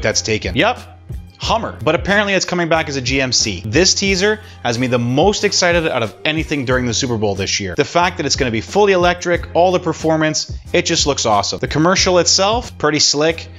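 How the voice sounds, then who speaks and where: A man's voice: a little high, fairly bright tone. A man giving casual, sarcastic commentary as a vlogger, wisecracking about car commercials.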